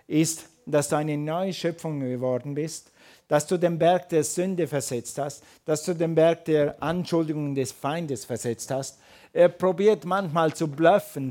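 A man preaching to a congregation, his voice sitting on the higher side for a man. He hammers his points through repeated phrases and asks rhetorical questions in an emphatic, rising cadence. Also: a little mellow. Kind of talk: sermon.

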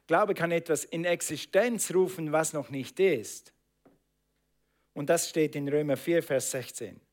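A man preaching a sermon, stressing and repeating phrases and calling on the congregation to answer back. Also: fairly high pitch. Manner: emphatic, repeats phrases, calls on congregation to respond.

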